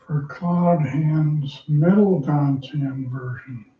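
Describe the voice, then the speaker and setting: A man teaching qigong, giving serene, measured and gently instructive movement cues, recorded in a dull, distant, roomy sound. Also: fairly high pitch. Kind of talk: guided tai chi and qigong movement cues.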